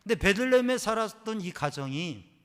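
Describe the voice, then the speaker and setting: A man preaching a Sunday sermon as pastor, impassioned, rising to loud exhortation. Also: sits high, big pitch swings, a little fast, clear, resonant tone. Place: church sanctuary. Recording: reverberant church hall.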